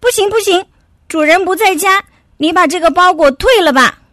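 A woman's voice: high-pitched, animated, slow, no room sound, clean studio sound, pitched above the performer's own voice. A woman voicing a cheeky, impatient young male puppy in a children's story, in a snappy, whiny manner.

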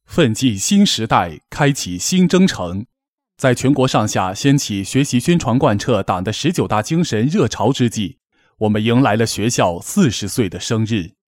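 Animated and medium in pitch, a man hosting a formal gala gives a solemn, declamatory reading of a scripted, poetic address with measured phrasing. The sound is dry and studio clean.

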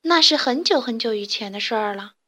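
A woman's voice: on the high side, animated, a little fast, bright, forceful tone. A woman voicing a chirpy little alien chick. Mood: lively. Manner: chirpy, eager and a bit proud. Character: cheerful young male alien chick student. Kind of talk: storybook character voice.

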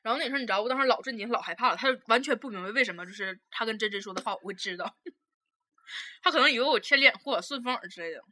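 Young woman from the northeast of china with that accent, rattling off a story super fast, swears a lot, laughs a lot, bright sharp voice. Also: a little high. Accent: Northeastern Mandarin. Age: young adult. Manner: blunt, profane, laughs often while telling. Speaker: podcast host. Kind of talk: casual storytelling chat.

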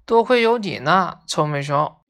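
A woman voicing a kind, worried auntie goose in a storybook, gentle and fretful. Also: low-pitched, lively intonation, moderate pace, vocal fry, full character voice.

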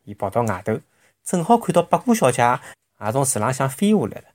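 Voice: medium pitch, very animated, fast, a little mellow. A storyteller with a Shanghainese accent narrating a children's story expressively, with vivid sound words.

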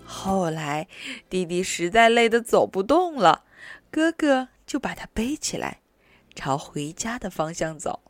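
Slow, lively woman reading a storybook. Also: medium pitch, no echo, faint music behind. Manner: expressive, slow, deliberate.

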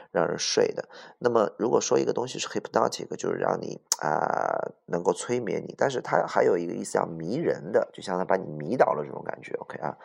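Male vocabulary teacher, very low pitch, spells words aloud, steady lecture delivery. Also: vocal fry. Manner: spells words letter by letter, mixes in English; self-correcting, with many fillers. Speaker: English teacher. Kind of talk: vocabulary lesson.

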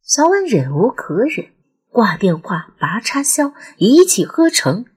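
A woman narrating a suspenseful audiobook in an expressive storytelling manner. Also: fairly high pitch, unhurried, breathy edge.

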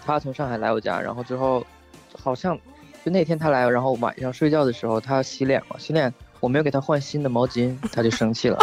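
A man co-hosting a casual podcast chat. He talks quickly, and his storytelling runs on plainly from one detail to the next. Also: mid-range voice, darkish tone, faint music behind. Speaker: podcast co-host.

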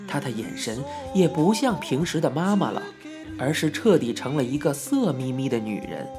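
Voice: mid-range voice, big pitch swings, normal speed, music in the background. An audiobook narrator telling a first-person memoir in a reminiscing storytelling manner, with occasional asides to the listener.

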